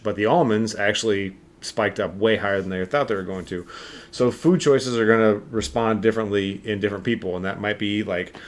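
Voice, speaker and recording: A man co-hosting a health podcast, explaining in a rambling, casual way with lots of fillers. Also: fairly low pitch. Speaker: podcast co-host.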